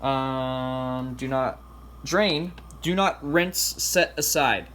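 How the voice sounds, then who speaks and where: A man's voice: mid-range voice, extremely slow, a bit bright, slight background noise. A man hosting a goofy home cooking tutorial, reading recipe steps aloud and making up silly facts. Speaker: cooking show host. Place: home kitchen.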